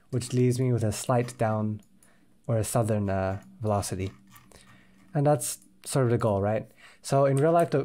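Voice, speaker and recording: A man's voice: mid-range voice, dark tone. A young man walking through his game prototype in a devlog, talking hesitantly with frequent ums and restarts. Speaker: indie game developer. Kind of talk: screen-recorded devlog walkthrough.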